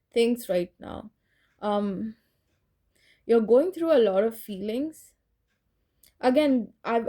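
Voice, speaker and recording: Mellow-voiced woman giving a rambling tarot reading. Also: mid-range voice. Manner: rambling, self-correcting, laughs at herself. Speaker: tarot reader. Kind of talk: casual channeled tarot reading.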